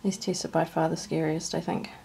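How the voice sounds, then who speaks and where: A woman's voice: low-pitched, little pitch movement, fairly quick, a little hiss or hum. A woman vlogging by herself on a handheld camera, with a nervous, shaky manner, often dropping to a near whisper. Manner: nervous, shaky, breathy, trailing off into quiet. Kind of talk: casual vlog narration.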